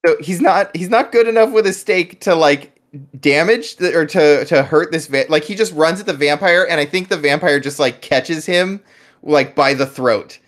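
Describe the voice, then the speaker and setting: A man's voice: a little high, normal speed. Man, game master, tabletop game, rambling, many fillers, restarts. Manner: chatty, full of fillers and restarts. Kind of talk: running a tabletop game online.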